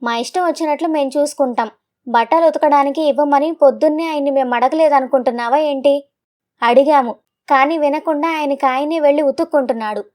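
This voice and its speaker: A woman's voice: high voice, fairly quick, darkish tone, close to an everyday voice. A woman voicing a careless, mocking younger son who talks sarcastically. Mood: sarcastic.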